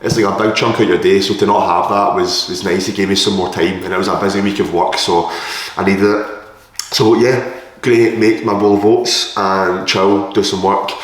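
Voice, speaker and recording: A man's voice: sits low, fairly even intonation, normal speed. A man chatting casually in a blokey, sweary way as a fitness vlogger, recorded in an echoey room. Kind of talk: casual vlog chat and gym tips. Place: large echoey indoor kitchen. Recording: echoey room with hard reflections.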